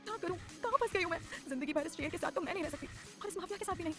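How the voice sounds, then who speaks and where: A woman's voice: very high voice, racing, over music, pitched above the performer's own voice. A woman voicing a frightened young woman who pleads and trembles, in a dramatized audio story. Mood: nervous grumbling. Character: frightened young woman held by a mafia boss.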